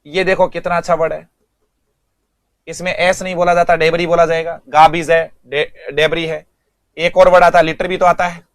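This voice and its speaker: A man's voice: fairly high pitch, flat delivery, normal speed, smooth, no echo, clean studio sound. A male English teacher giving an online vocabulary lesson, speaking, repeating words and quizzing students.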